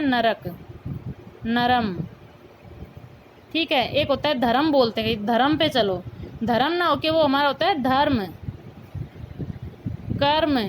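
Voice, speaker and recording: A woman teacher giving a school grammar lesson, saying each word slowly and repeating it for her pupils. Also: high voice, noisy background. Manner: slow, repeats words for pupils.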